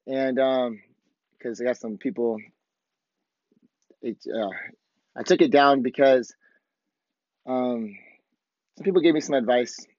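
Hoarse man in a roomy, dull recording. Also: medium pitch, slow, long pauses, darkish tone. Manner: candid, rambling, heavy swearing. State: hoarse, voice worn out from overuse. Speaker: podcast host. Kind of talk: casual, profane motivational monologue.

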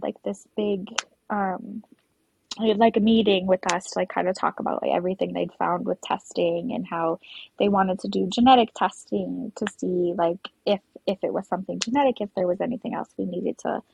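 A woman's voice: mid-range voice, fairly even intonation, normal speed, gravelly, a little mellow, slight background noise, rough recording. A young woman telling her personal story as a podcast guest, emotional and full of "like" fillers. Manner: emotional, heavy use of "like" fillers.

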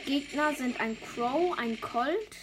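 A woman giving casual gameplay commentary, excitable, often pleading and exclaiming as she plays. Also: high-pitched, slow pace, noisy background. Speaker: gamer. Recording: game music behind the voice.

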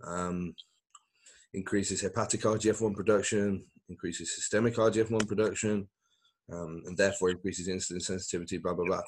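A man's voice: low-pitched, fairly even intonation, a little fast, slight background noise. A man co-hosting a casual podcast, laid-back but explaining technical detail at length. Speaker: podcast co-host. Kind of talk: casual chat.

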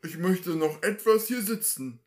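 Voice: medium pitch, pitched above the performer's own voice, lightly acted. A host playing placid husband Hermann. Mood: stubborn calm. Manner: flat, slow, stubbornly calm. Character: placid older husband who only wants to sit. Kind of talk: comedy sketch reading.

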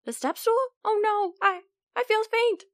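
A woman voicing a dim, easily frightened little male germ in a children's storybook, with a squeaky, excitable way of talking. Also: measured pace, dry recording, clean studio sound. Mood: panicky.

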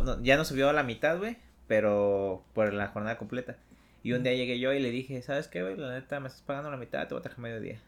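A young man with a Mexican accent telling a work story in casual chat, full of slang and acted-out voices. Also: mid-range voice. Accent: Mexican Spanish. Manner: slangy, animated, acts out voices in anecdotes.

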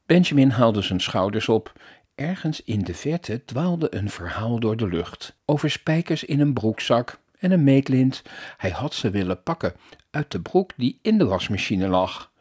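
A man reading a children's story aloud in an expressive, animated storytelling manner. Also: medium pitch, husky.

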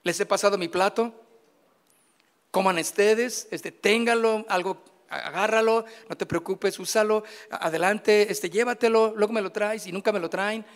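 A man's voice: high voice, fairly even intonation, moderate pace, in a large hall. A middle-aged man with a Mexican Spanish accent, preaching a sermon in a conversational way, asking his congregation questions and joking with them. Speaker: pastor. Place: church hall.

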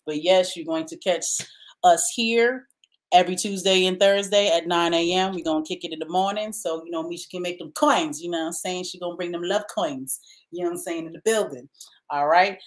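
A woman's voice: on the low side, brisk. A woman co-hosting a podcast, giving casual, slangy plugs and sign-offs with an upbeat manner. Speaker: podcast co-host.

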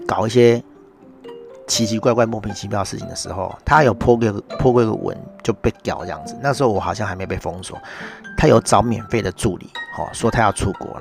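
A man's voice: lowish voice, creaky. A middle-aged man with a Taiwanese Mandarin accent, hosting a casual monologue and ranting with sarcastic, mocking asides. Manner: sarcastic, mocking rant with constant tag particles. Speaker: podcast host.

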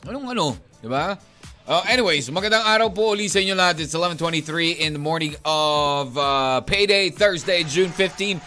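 A man's voice: on the high side, moderate pace, pushed and bright, soft background music. A man with a Filipino accent co-hosting a radio show, chatting casually, teasing and laughing, mixing English into his talk. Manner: playful, teasing, laughs often, mixes English in. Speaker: radio DJ co-host.

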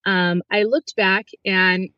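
A middle-aged woman speaks earnestly and haltingly, pausing and restarting as she recounts something painful. Her voice sits at an ordinary pitch, recorded dry and close with a slightly dull, muffled tone. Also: fairly even intonation, no room sound. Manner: earnest, hesitant, many restarts and fillers. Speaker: guest. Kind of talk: personal story in an interview.

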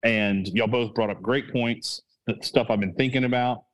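On his relaxed sports podcast, this host, an adult with a child, rambles as he thinks, full of restarts and self-corrections. Through poor audio, his mid-range voice comes across fairly even, moderately paced, and a bit bright.

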